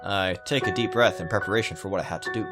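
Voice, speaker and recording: A fast-talking man with a low-pitched voice hosts a video game playthrough, reading a visual novel aloud and adding his own comments. He sometimes stumbles over the words. Loud piano game music plays behind him.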